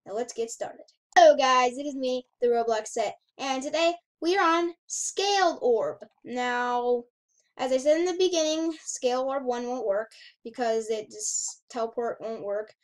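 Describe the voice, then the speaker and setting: A woman hosting a gaming channel, giving casual gameplay commentary, chatty and reading on-screen text aloud as she reacts to it. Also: high-pitched.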